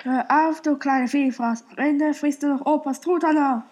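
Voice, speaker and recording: Woman doing a bossy teasing 11yo boy, high voice, home radio play. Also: steady tone, normal speed, a little mellow, lightly acted. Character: cheeky eleven-year-old boy, teasing his brother.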